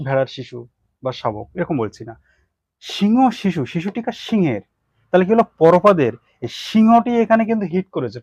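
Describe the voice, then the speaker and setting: A man's voice: sits high, no echo. A man with a Bengali accent teaching a grammar lesson, who repeats terms and keeps asking questions and answering them himself. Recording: dry, muffled lo-fi sound.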